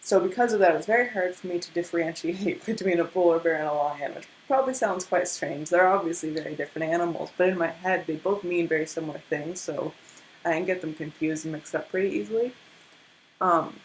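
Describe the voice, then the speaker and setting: A woman's voice: on the low side, a little fast, a little hiss or hum, low-quality recording. A tired young woman with a stutter, giving a casual tarot card reading after very little sleep, with many restarts. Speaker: tarot reader.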